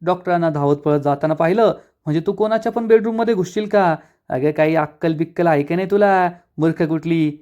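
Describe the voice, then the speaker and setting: A man voicing a quarrelsome young wife who hurls quick insults in a retold serial. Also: darkish tone, muffled recording, lightly acted. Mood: contemptuous. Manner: rapid, shrill, insulting.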